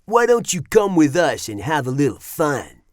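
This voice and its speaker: A woman's voice: low voice, big pitch swings, normal speed, dry recording, studio quality, pitched below the performer's own voice. A woman doing a sneering bully bear cub. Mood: mocking. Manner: mocking, taunting, sing-song.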